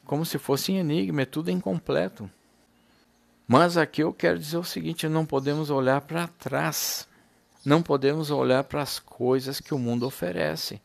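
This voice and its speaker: A man preaching an informal sermon, impassioned, swinging from loud to hushed, calling his listeners brothers and laughing between points. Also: on the high side, creaky, no room sound.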